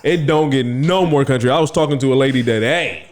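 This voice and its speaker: A man's voice: mid-range voice, fast, a little mellow. Loose-talking man, casual podcast chat. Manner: loose, profane, many "like" fillers. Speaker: podcast co-host.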